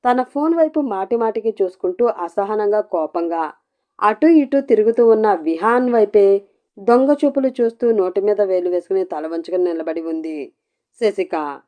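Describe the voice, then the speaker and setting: A woman narrating a scripted story with an even, expressive reading. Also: medium pitch, normal speed, highs cut off.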